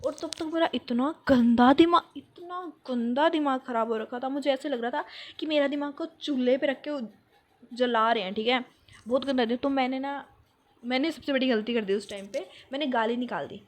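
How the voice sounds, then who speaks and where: A woman's voice: high voice, moderate pace. A young woman telling a school story in a storytime vlog, acting out what people said and dropping in English phrases. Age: young adult. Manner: animated, acts out quotes, mixes in English phrases. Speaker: vlogger.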